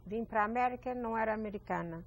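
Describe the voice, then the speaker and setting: A woman's voice: a little high, racing. An older woman from Portugal, talking as a guest in a reflective, hesitant way with small restarts. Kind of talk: casual chat.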